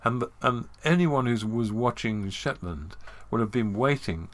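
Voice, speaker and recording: A man's voice: mid-range voice, lively intonation, unhurried. A man in casual chat, a rambling, self-mocking storyteller. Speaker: podcast host.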